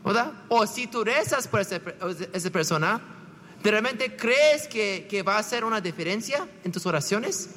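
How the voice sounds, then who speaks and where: Male priest, bright voice, chatty homily, rhetorical questions, faint room ambience. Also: high voice, animated, normal speed, long reverb tail, slight background noise. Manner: conversational, asks rhetorical questions, frequent "¿verdad?".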